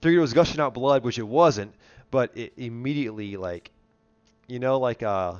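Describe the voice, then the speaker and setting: A worn-voiced, congested, nasal man hosts a live car show, casually chatting and sharing stories at a normal speed. His pitch is mid-range and his tone clean and a little mellow, captured in dull, lo-fi stream audio.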